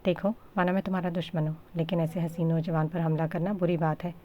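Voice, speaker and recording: A woman's voice: mid-range voice, brisk, muffled recording, natural voice. Woman reading as a cheeky joking young man. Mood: teasing. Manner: teasing, sarcastic.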